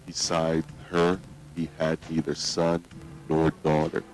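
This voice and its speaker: A man playing a solemn old grandfather and cult patriarch, deliberately sermonizing to a child in a horror story tape. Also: rumbling low, completely flat delivery, poor audio. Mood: grave, preaching.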